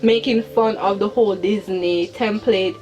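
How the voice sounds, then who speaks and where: Speaking at an unhurried pace with fairly even intonation, this young adult woman's medium-pitched, darkish voice carries her chatty personal commentary to viewers of her video channel. Her manner is hyper and giggly, with emphatic repetition of words. The audio is dull, with faint music in the background.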